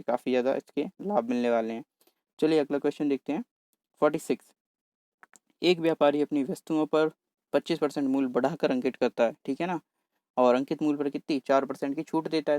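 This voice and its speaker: A man teaching exam maths in a brisk, chatty way, talking fast on purpose and coaxing his viewers along. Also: mid-range voice, darkish tone, no echo. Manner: brisk, talks fast on purpose to cover the paper. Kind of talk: solving exam paper on screen.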